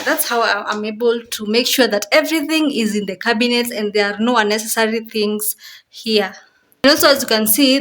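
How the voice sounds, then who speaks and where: A woman's voice: a little high, fairly bright tone. A woman vlogger with a Kenyan accent, casually explaining things step by step and repeating her phrases as she goes. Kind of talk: casual home tour explanation.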